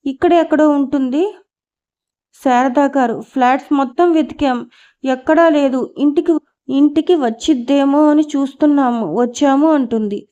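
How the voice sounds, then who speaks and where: A woman reading a novel aloud, voicing the narration and every character's dialogue in one steady voice. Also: high voice, lo-fi sound. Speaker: storyteller.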